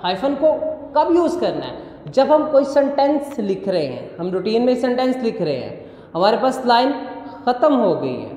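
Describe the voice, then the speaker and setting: A woman from Pakistan, teaching a grammar lesson online. She explains step by step, asks the class questions, answers them herself, and reads the English examples slowly and carefully. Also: on the high side, sing-song, dark tone. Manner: slow, careful reading of English example sentences. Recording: echoey room with long reverb.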